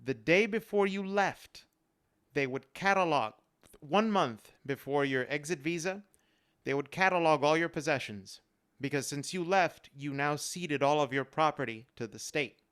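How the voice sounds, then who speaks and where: Speaking as a guest on an online panel over a remote live-stream video call, a man tells earnest, personal stories and leans on repeated phrases for emphasis. His voice is resonant and clean, sitting a little high with a fairly bright tone, at a moderate pace.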